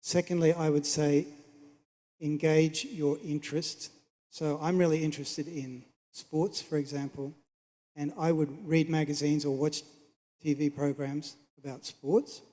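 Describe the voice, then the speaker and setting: Soft-toned, higher-voiced man in echoing hall. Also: little pitch movement. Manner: measured, polite, checks on listeners. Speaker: conference presenter. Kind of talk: explanatory academic talk. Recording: echoey hall with long reverb.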